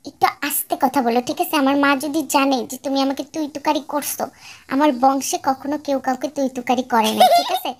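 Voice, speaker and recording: একজন নারী কণ্ঠ দিচ্ছেন এক কড়া তরুণ স্বামীর চরিত্রে, যে বউকে জ্ঞান দেয় আর ধমকায়। গলা খুব উঁচু, সুরে শাসনের ভাব।. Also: female voice, high-pitched, a little fast, a little mellow, lightly acted. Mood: lecturing. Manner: scolding, lecturing. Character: stern young husband, elder son. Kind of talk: fan-dub radio drama.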